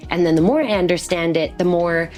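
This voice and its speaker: Faint music plays behind a woman being interviewed, who speaks reflectively and offers practical tips from her own teaching experience. She talks briskly in a fairly low, darkish voice.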